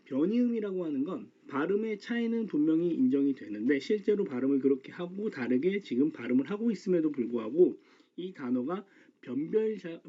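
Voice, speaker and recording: A male teacher giving a calm, explanatory grammar lecture in casual, informal speech. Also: a little high. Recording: slightly dull lo-fi recording.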